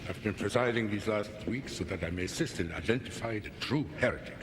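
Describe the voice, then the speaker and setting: A man playing a grave, calculating medieval inquisitor, speaking in a measured, formal, insinuating way in a film drama. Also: lowish voice, long reverb tail, background noise, natural voice. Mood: solemn, questioning.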